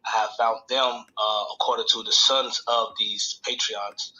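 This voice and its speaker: A man's voice: on the low side, level tone, unhurried, pushed and bright, low-quality recording. An American man talking on his phone in a casual live audio chat, humble and rambling, with many restarts. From United States. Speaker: participant.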